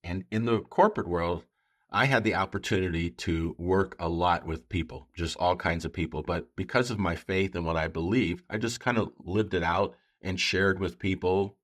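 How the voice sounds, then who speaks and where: A man with a deep, low-pitched voice talks as a pastor on a podcast. His delivery is conversational and earnest, pausing and restarting as he goes, and he slips into quoting other people. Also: fairly bright tone. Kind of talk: conversational podcast talk with storytelling.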